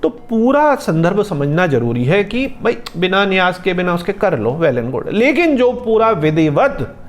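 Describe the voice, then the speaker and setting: A man teaching about scripture in a patient, explanatory way, slowly chanting mantras as examples. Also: high-pitched, big pitch swings. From India. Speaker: spiritual teacher.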